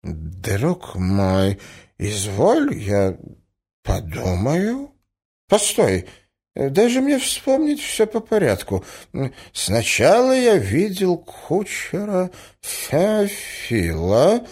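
A man's voice: on the high side, huge pitch swings, very slow, a little mellow, slightly rough, pitched above the performer's own voice, heavily acted. A man voicing a forgetful, muddled old prince who rambles vaguely and flusters easily. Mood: musing.

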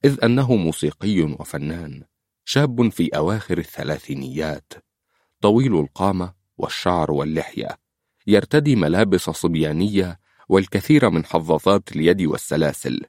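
A man with an Egyptian accent narrating an audiobook in a measured storytelling manner. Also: deep voice, expressive, a little mellow, no room sound, clean studio sound. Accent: Egyptian Arabic.

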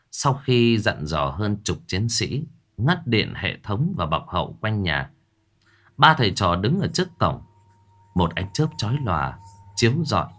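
A man's voice: fairly low pitch, a bit bright. A man narrating a ghost story audiobook in a dramatic way.

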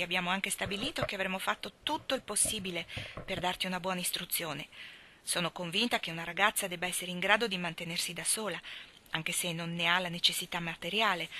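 A woman voicing a stern, practical older woman raising an orphan girl, speaking in a dry, firm and measured way, in an audiobook reading. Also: medium pitch, pushed and bright.

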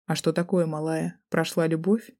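A woman narrator voicing a mocking, menacing young male student in an audiobook, speaking low and soft in a taunting way. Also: steady tone, brisk, husky. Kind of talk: audiobook character voice.

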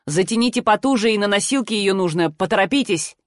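A woman's voice: medium pitch, lively intonation, quick pace, no echo, studio quality, lightly acted. A woman playing a brusque male doctor barking orders. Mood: commanding. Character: gruff male doctor, brisk and commanding.

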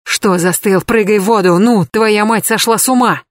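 A woman reading an audiobook, voicing a hoarse police colonel barking orders. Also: mid-range voice, moderate pace, no room sound, studio quality, natural voice. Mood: commanding.

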